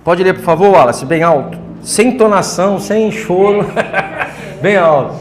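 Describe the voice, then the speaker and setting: A man's voice: sits high, animated, unhurried. A man preaching a sermon as pastor, joking and talking colloquially. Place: church hall. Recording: echoey church room with faint music.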